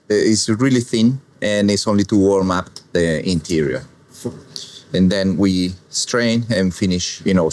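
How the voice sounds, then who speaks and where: A man from Argentina speaking English with an Argentine Spanish accent, calmly talking a viewer through a cooking demonstration. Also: lowish voice, dry recording. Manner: unhurried, plain non-native English with calm explaining. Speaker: chef.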